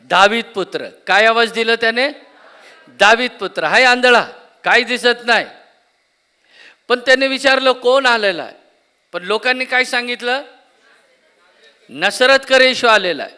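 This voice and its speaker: A man's voice: very high-pitched, measured pace, long pauses, bright, forceful tone, smooth. A man preaching a sermon at a church conference, often asking the congregation questions and repeating key words. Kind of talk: Marathi sermon.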